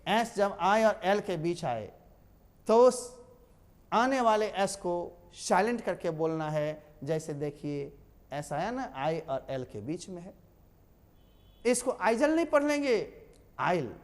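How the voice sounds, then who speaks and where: A man's voice: sits high, slow. A man from Bihar teaching silent letters in English, talking, spelling words out and correcting himself often. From Bihar, India. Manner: animated, repeats and corrects, spells letters aloud. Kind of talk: classroom lesson on silent letters. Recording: long hall reverb.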